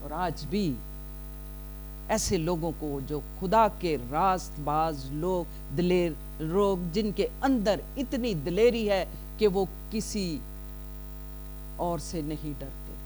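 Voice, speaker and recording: Slow-preaching woman. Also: fairly low pitch, lively intonation, faint music behind. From Pakistan. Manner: slow, deliberate preaching that builds to loud emphatic cries. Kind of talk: sermon.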